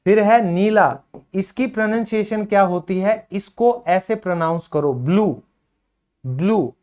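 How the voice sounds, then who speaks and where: A man's voice: high voice, measured pace, a little mellow, clean tone. A man teaching an English pronunciation lesson, repeating words emphatically to drill them.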